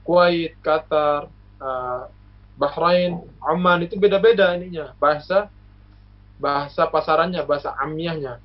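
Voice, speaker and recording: Fairly high-voiced man explaining patiently. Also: a little slow. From Lombok, Indonesia. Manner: patient lecturing, full of hesitations and examples. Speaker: guest, university alumnus. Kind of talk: casual explanatory chat. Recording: muffled lo-fi recording.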